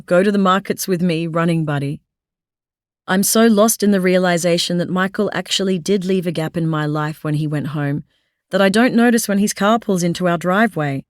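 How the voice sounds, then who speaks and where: A woman's voice: fairly low pitch, dry recording. A woman giving confiding first-person audiobook narration on a close studio mic.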